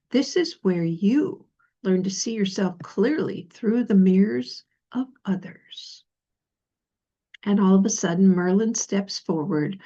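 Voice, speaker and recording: A woman leading a guided meditation in a gentle, soothing, unhurried voice with pauses between phrases. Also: medium pitch, lo-fi sound.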